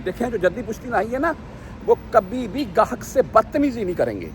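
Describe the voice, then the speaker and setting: A man's voice: sits high, sing-song, slight background noise. A man from Pakistan, vlogging outdoors on a city street and animatedly retelling an argument before turning to lecture his listeners. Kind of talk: casual storytelling vlog.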